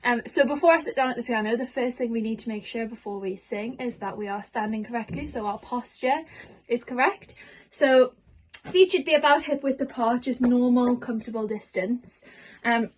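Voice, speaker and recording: A woman with a somewhat high-pitched voice leads a vocal warm-up lesson. She talks directly to young learners, explaining each step in simple words with an encouraging manner. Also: normal speed, rough recording. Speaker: singing teacher. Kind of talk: warm-up lesson, spoken instructions to camera.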